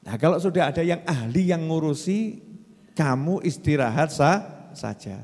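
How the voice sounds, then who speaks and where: A man's voice: fairly high pitch, lively intonation, moderate pace, darkish tone. A male preacher, giving a sermon and quizzing his audience in call-and-response. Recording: long hall reverb.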